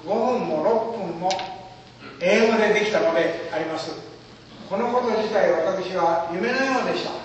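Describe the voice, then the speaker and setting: A man telling a personal story as a formal, dramatic speech, with emotive pauses and stately phrasing. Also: high-pitched, a little hiss or hum. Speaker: speaker. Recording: echoey hall from far off, dull.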